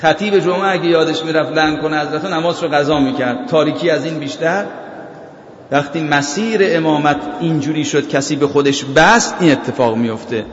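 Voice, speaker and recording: A man preaching a sermon, reciting Arabic verses slowly and checking that his listeners follow. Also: a little high, a little hiss or hum. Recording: echoey hall, dull lo-fi sound.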